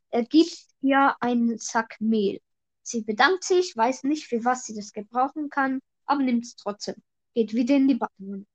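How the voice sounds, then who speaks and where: A woman's voice: fairly high pitch, darkish tone. A woman hosting a casual podcast, telling jokes eagerly and explaining her punchlines, heard through a lo-fi mic with a slightly robotic echo. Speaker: podcast host. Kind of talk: casual joke-telling chat.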